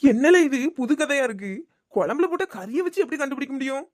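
A defiant village woman with a Thoothukudi Tamil accent, played by a woman, in a comedy sketch. Her voice is fairly high, and she fires back brash, rhyming denials. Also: expressive, quick pace. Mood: teasing. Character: defiant village woman accused of stealing a hen.

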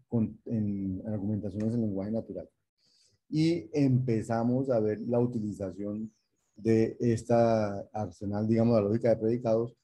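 A man's voice: mid-range voice, dark tone, husky. A man giving a recorded university lecture over shared slides, explaining step by step with many fillers and restarts. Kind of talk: recorded online math lecture.

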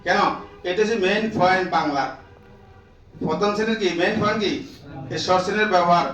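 A man's voice: high voice, fast, a bit bright, roomy sound, distant mic, low-quality recording. A man training teachers in a classroom lecture, drilling the room with repeated questions and prodding listeners to answer.

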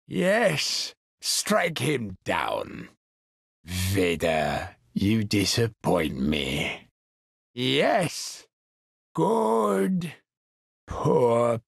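Evil old emperor from a video game, super slow raspy gloating villain voice, swoops up and down a lot. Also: male voice, on the low side, no room sound, studio quality, exaggerated voice. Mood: cold, scheming. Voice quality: raspy, croaking, gravelly. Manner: slow, theatrical, menacing drawl. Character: sinister, gloating old male galactic emperor, cruel and imperious.

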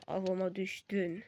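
Playful slow-talking woman gamer. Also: mid-range voice, warm tone, a little hiss or hum. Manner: playful, makes sound effects and talks to game figures. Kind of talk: playful game commentary.

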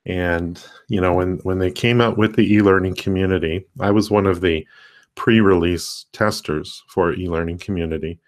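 A man hosting a casual tutorial livestream, talking in a rambling, halting way with many fillers and restarts. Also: low-pitched, steady tone. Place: home desk with a laptop.

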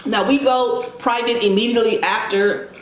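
A woman's voice: fairly high pitch, fairly even intonation, normal speed. A woman in her thirties talking casually while eating a meal. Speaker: co-host of mukbang video. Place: indoor room at a table, eating. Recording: echoey room, faint noise.

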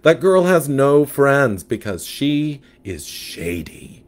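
A man's voice: mid-range voice, big pitch swings, takes it slowly, voice pushed up. A man voicing a sassy, gossipy male catfish who dramatically gives life advice in a storybook. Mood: sassy advising.

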